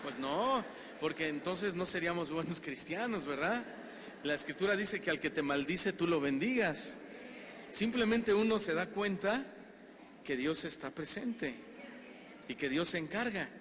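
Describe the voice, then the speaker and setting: Male Mexican pastor, fairly high voice; animated sermon with questions to the congregation; church hall reverb. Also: a little slow. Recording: reverberant hall, faint background noise.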